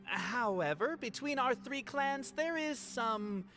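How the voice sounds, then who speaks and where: A man's voice: very high voice, animated, slow pace, bright, forceful tone, soft background music, voice pushed up, full character voice. A man voicing an earnest, scholarly male clan leader who explains things carefully.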